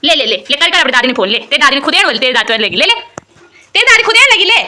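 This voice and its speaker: A young woman vlogging with a Garhwali-tinged Hindi accent, teasing and coaxing a small child in loud, high bursts, then narrating her day casually. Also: animated, racing. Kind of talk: casual family vlog.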